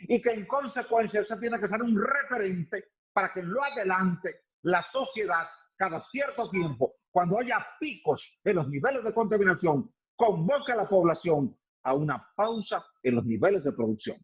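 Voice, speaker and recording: High-pitched guy on a muffled lo-fi line, expert guest laying it out emphatically, repeats stuff for punch. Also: expressive, normal speed, few pauses. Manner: emphatic, builds points by repetition. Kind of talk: explanatory radio interview.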